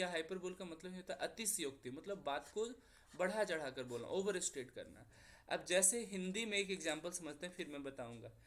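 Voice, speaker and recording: Young male teacher with an Indian accent, unhurried classroom delivery that drags out each example sentence. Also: sits high, a bit bright. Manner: slow, drawn-out repetition of example sentences. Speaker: English teacher. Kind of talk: classroom lesson explaining figures of speech.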